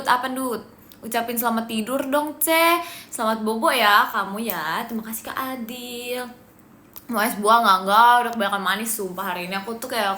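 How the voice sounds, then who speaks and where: Brief: young Indonesian woman, idol livestream host, bright higher voice, teasing and giggly, echoey room on a phone mic. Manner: playful, teasing, giggly, drops in English phrases. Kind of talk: casual livestream chat reading viewer comments. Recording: echoey room with faint noise.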